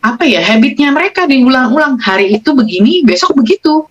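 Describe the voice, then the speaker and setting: A woman, guest on a casual podcast, telling stories with animated, emotional delivery and acted-out quotes. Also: high-pitched, a little fast, breathy edge. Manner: animated, emotional, quoting patients in dialogue. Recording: dull lo-fi sound.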